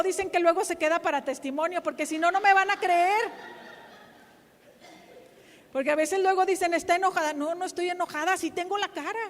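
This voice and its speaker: Lady pastor, high loud voice, preaching emphatic in a reverby church hall. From Mexico. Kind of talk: sermon.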